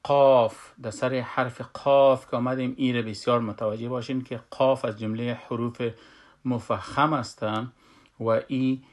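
A man teaching a Quran recitation lesson, explaining slowly and calling out drawn-out letter sounds. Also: mid-range voice, steady tone. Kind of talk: tajweed lesson.

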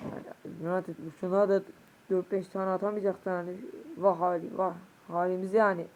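A man, a gaming youtuber, a bit sick, giving casual gameplay commentary and shouting at his players. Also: high voice, normal speed, muffled recording. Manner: excitable, shouts at players, mutters curses. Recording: noisy home recording.

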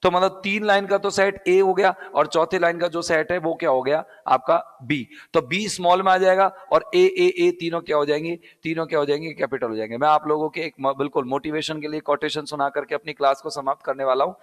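Male English tutor, Rajasthani Hindi accent, slightly high voice, repetitive question-and-answer teaching, long reverb. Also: fairly even intonation, fairly quick, few pauses. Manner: explains step by step, repeats key words, asks and answers own questions. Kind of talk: live online exam-prep class.

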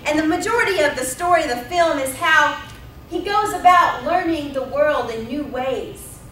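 A woman pastor in her thirties speaks at normal speed in a high, fairly bright voice with lively intonation, retelling the story with emphatic repetition during a sermon. The distant pulpit mic in the church sanctuary gives a roomy, off-mic sound with slight background noise.

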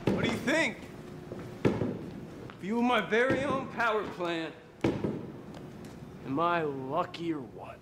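A man in his twenties playing a smug, brittle young heir in a film, talking casually in halting, clipped phrases. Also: high voice, very noisy. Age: 20s. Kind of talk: naturalistic film acting. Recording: film dialogue under loud music.

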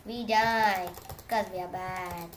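A woman's voice: medium pitch, takes it slowly. A woman chatting casually while playing a computer game, playful and making silly sound effects. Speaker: gamer making videos. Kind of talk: casual gaming chat. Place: at a computer, indoors. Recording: steady noise with keyboard clicks.

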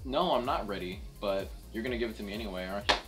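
A man's voice: on the low side, rapid-fire, bright, forceful tone, faint music behind, rough recording. A young man, bantering casually in a playful, mock-exasperated way. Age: young adult. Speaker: co-host learning tongue twisters. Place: living room couch, indoors.

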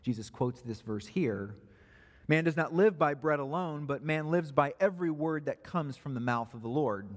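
A man's voice: a little high, animated, normal speed, in a large hall. A man preaching an expository sermon who grows emphatic when he quotes scripture. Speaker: pastor. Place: church sanctuary.

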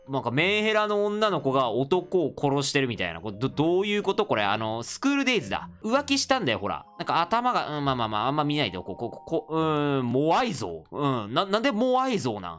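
Male let's-play host, jumpy and loud when startled, very animated pitch, faint game music behind. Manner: excitable, yelps and shouts when scared. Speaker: gaming video host. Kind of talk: casual let's-play commentary.

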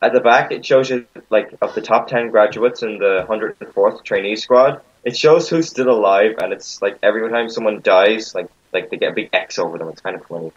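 A man's voice: fairly low pitch, brisk, few pauses, slightly rough. A man giving casual, profane, enthusiastic anime commentary with friends. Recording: dull lo-fi mic.

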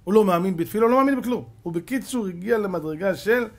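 A man with a high-pitched voice and an Israeli accent preaching a fervent sermon as a rabbi. He swings sharply from hushed, low phrases to loud, pitched-up cries. He keeps throwing rhetorical questions at his listeners. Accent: Israeli Hebrew. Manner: dramatic swings from hushed to shouting.

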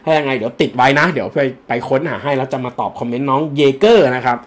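A man's voice: medium pitch, quick pace. A man teaching English for an entrance exam on a livestream, chatting and joking casually as he answers viewer comments. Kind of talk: live-streamed lesson answering viewer comments.

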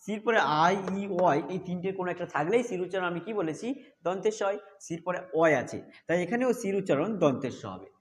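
A man's voice: high-pitched, animated, fast, soft background music. A man teaching English pronunciation rules step by step, patiently repeating each point. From Bengal. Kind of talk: explaining a phonics lesson.

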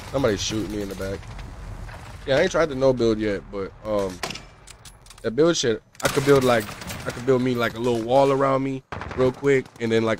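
A man's voice: fairly low pitch, noisy background. A male game streamer chatting casually with slangy, profane banter while he plays. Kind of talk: casual gaming chat.

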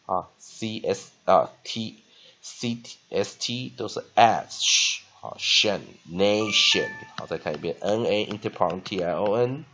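A man teaching English vocabulary, spelling words out letter by letter and filling pauses with short fillers. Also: lowish voice, lively intonation, bright, forceful tone, dull audio. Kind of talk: spelling and phonics lesson.

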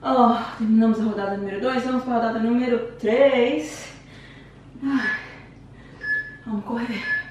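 A woman's voice: a little high, steady tone, measured pace, pauses often. A woman with a Brazilian Portuguese accent coaching a home workout, chatty and encouraging, counting down reps while out of breath from exercising. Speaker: fitness instructor. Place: room at home. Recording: very echoey room, distant mic, faint noise.

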